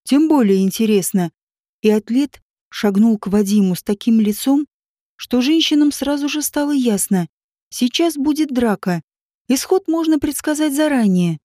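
A woman narrating an audiobook in a steady, even reading voice. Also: high voice, normal speed, no echo, studio quality.

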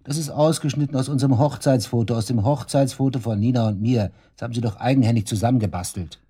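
An actor portrays a murder suspect under police interrogation in a German radio drama, brash, sarcastic and crude in his slangy defiance. He talks fast in a mid-range, mellow, slightly rough voice, lightly acted in a naturalistic way, with a defiant, disbelieving mood.

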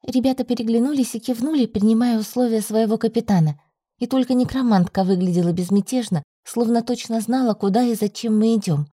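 A woman narrating an audiobook in the first person, with a soft, tense reading. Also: fairly high pitch, brisk, breathy edge, dry recording, clean studio sound.

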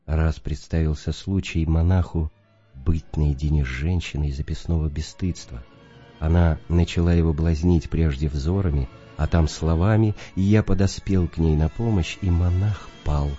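A man reading the part of a sly male demon who reports to Satan, in a low, even storytelling tone. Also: moderate pace, soft background music. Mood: fearful. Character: sly male demon, boastful then fearful. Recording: dull lo-fi recording.

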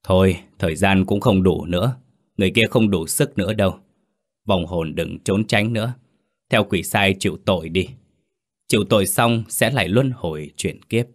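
A man voicing a calm Buddhist exorcist master in a spoken ghost story, measured and admonishing. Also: low-pitched. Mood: solemn.

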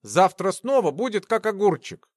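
A man's voice: high voice, sing-song, moderate pace, no echo, studio quality. A man voicing a cruel male mentor who mocks with a venomous hiss, in an audiobook. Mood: mocking. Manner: venomous, hissing mockery.

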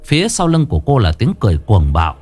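A man narrating a horror story in a dramatic, measured way. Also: lowish voice, huge pitch swings, darkish tone, faint music behind.

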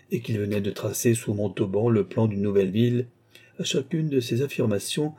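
A man narrating a historical tale as an audiobook reader, with expressive storytelling. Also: fairly low pitch, husky.

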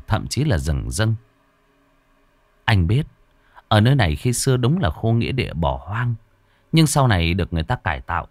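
A man narrating a horror audiobook in an expressive, dramatic way. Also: low voice, no room sound.

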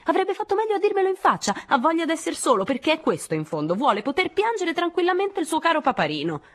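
A woman doing a shrill, furious young woman. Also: big pitch swings, a little fast, warm tone, husky, dry recording. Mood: shouting. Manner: aggressive, shrill outbursts. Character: young woman, sharp-tongued, bitter, quick to anger. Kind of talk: audiobook reading.

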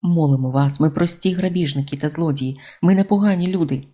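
A reader voicing cornered male robbers in an audiobook, whining and pleading in raised, loud voices. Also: mid-range voice, a little fast, lightly acted. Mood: indignant.

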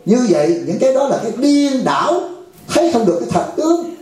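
A man's voice: very high voice, sing-song, quick pace, a little mellow. A man giving a joking, conversational Buddhist dharma talk at a retreat, often asking the audience "right?". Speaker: Buddhist teacher. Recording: very echoey hall.

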